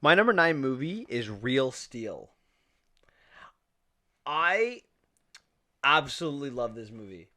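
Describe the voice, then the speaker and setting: A man's voice: mid-range voice, big pitch swings, takes it slowly, pauses often, bright, forceful tone. A man co-hosting a movie podcast, talking enthusiastically and rambling with frequent restarts. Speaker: podcast co-host. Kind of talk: casual movie review chat.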